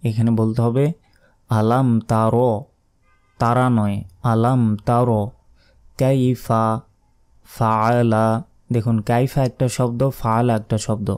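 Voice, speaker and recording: A man with a Bangladeshi Bengali accent teaching correct Quran pronunciation, repeating words slowly and breaking into a rising melodic chant to recite. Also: medium pitch, flat delivery, a little mellow, clear, resonant tone.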